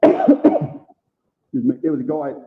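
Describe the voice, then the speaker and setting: A man's voice: a little high, wildly swooping pitch, slow pace, heavy background noise. A man with an Australian accent, speaking plainly and informally as a guest in a casual chat. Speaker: interview guest, small food business owner. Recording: thin phone-like sound.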